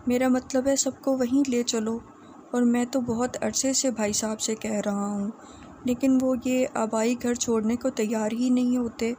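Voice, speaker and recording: A woman's voice: fairly high pitch, little pitch movement, dark tone, a little hiss or hum, natural voice. Woman reading a kindly older uncle.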